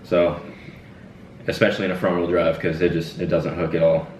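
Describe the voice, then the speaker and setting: In an echoey room at home, a twenty-year-old channel host leads a casual Q&A, rambling in a laid-back manner with many fillers. His voice is low, a little mellow, and level in tone, and he speaks briskly. The distant, dull mic adds a little hiss or hum.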